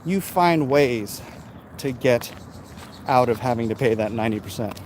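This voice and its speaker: Out in his backyard on a live stream, an American man reads viewer comments and responds off the cuff, casual, opinionated, and emphatic. His mid-range voice is animated and darkish at a normal pace, with noisy urban ambience and traffic sounds around him.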